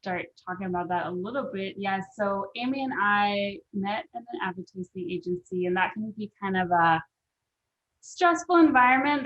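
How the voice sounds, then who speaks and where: A woman's voice: medium pitch, fairly bright tone. A woman from Denmark, a guest on a video-call interview, talking hesitantly with lots of fillers. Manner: hesitant, many fillers like kind of and um. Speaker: guest, deck co-creator. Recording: dull lo-fi call audio.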